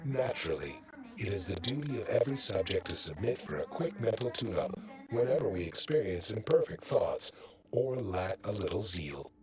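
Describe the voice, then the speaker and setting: A man's voice: fairly low pitch, big pitch swings, moderate pace, darkish tone. A man playing an officious, over-polite wellness centre attendant in a video game, formal and pompous. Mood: smug, polite. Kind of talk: scripted game dialogue.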